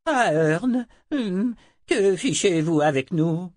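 Sharp-tongued elderly man with amnesia, testy and sarcastic, slightly raised pitch, read by a man. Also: animated, slow pace, no echo, studio quality. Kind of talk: audiobook character voice.

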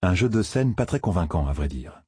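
A man reading a fantasy novel aloud in steady scripted narration. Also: sits low, a little fast, husky, no echo, clean studio sound. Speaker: audiobook narrator.

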